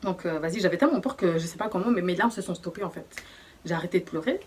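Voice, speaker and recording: A young woman telling a personal story in a casual, slangy way, often hushed, with many fillers. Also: fairly low pitch, expressive, quick pace, a little hiss or hum. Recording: voice distant from the mic.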